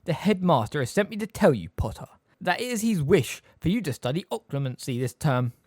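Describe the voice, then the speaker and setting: A narrator voicing a middle-aged male teacher in a storybook, smooth, sarcastic and waspish, with delicate stress on words. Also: mid-range voice, very animated, fairly quick, a little mellow, dry recording, clean studio sound, pitched above the performer's own voice. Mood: smooth, cold.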